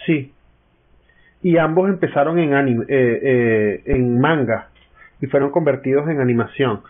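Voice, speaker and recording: A man's voice: mid-range voice, measured pace. A man co-hosting a casual podcast, explaining things at length with many restarts. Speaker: podcast co-host. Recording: tinny online call audio.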